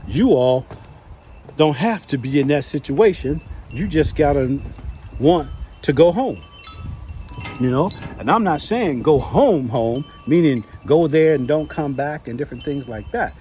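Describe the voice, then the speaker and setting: A man's voice: fairly high pitch, unhurried. Man vlogging outdoors, noisy recording. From United States. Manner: relaxed, folksy, many "you know" fillers. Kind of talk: casual talk to camera. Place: outdoors in his yard.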